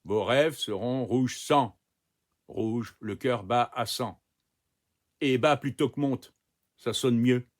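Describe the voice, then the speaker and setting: A young songwriter tries out lines slowly and deliberately, as a male reader puts him on. He lingers on each phrase. The delivery stays measured. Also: medium pitch, close to an everyday voice. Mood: thoughtful.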